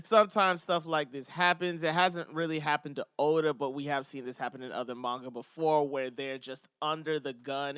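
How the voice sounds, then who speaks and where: A man's voice: a little high, a bit bright, clean tone, no echo. A man hosting a casual chapter review, talking in a laid-back, slangy way straight to his viewers. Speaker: anime channel host.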